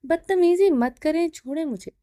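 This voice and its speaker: A defiant young wife with quick, indignant retorts, as a woman narrator plays her. High, warm voice, recorded dry and close. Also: lively intonation, no room sound.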